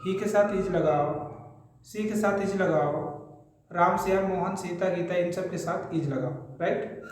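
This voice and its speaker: A man's voice: sits high, a little slow, darkish tone, a little hiss or hum. A man teaching a spoken English grammar lesson, patiently drilling example sentences one after another. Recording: very echoey room.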